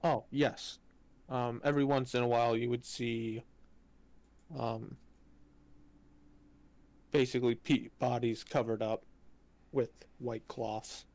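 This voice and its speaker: A man's voice: mid-range voice, level tone, takes it slowly, long pauses, darkish tone. Male game master, hesitant delivery full of ums, voice a bit strained. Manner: hesitant, many ums and restarts. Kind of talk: narrating a tabletop game.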